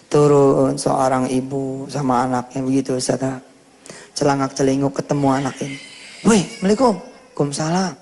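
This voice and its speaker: A male preacher from Indonesia telling a story in a sermon, lively and acting out the scenes with sound effects. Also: medium pitch, normal speed, vocal fry, big-room sound.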